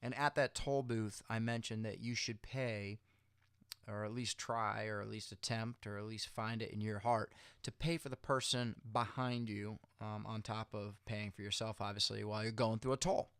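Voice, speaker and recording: A man's voice: fairly low pitch, steady tone, normal speed, a bit bright, smooth, no room sound, studio quality. A man hosting a motivational series, giving a halftime-style pep talk straight to viewers in a conversational, encouraging way, leaning on repeated phrases for emphasis. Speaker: host of a motivational video series.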